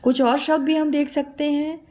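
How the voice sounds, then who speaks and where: A woman teaching young children to read, stretching syllables slowly and calling the listener "beta". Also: high-pitched, little pitch movement, dark tone. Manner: slow, drawn-out syllables for children. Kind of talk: children's Hindi lesson.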